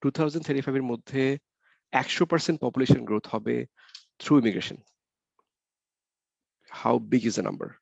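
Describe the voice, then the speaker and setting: Presenting slides in a mix of Bengali and English, this webinar host is a man with a gravelly, somewhat mellow, mid-range voice who speaks at a rapid clip. He keeps circling back to his main points and throws out rhetorical questions. Captured on a computer mic over a video call, the audio has no echo but sounds dull and a bit muffled.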